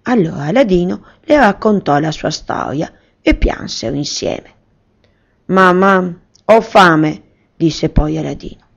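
A woman storyteller reading a children's fairy tale aloud in gentle, measured narration. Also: deep voice, very animated, gravelly, slightly rough, muffled recording.

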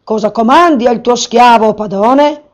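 A woman voicing a loud, declaiming male genie who serves his master. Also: fairly high pitch, a little slow, close to an everyday voice. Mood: grand. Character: booming male genie of the lamp, servile. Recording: slightly muffled recording.

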